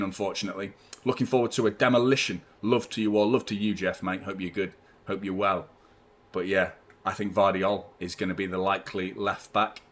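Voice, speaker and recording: A young man hosting a fan watchalong stream, rambling chattily and giving shout-outs to viewers. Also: lowish voice. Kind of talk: live stream chat with viewers.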